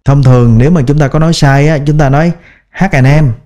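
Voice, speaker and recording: A man teaching English brand-name pronunciation in a patient, step-by-step lesson, repeating each word slowly. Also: on the high side, fairly even intonation, dark tone. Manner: drawn-out repeated example words, patient explaining. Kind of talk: slow instructional pronunciation lesson.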